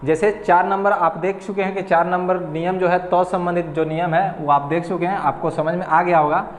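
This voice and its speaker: Guy teaching at a board, high voice that jumps around, echoey room w long reverb. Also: steady tone, slight background noise. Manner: slow, repetitive, spells out syllables. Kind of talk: board lesson on grammar.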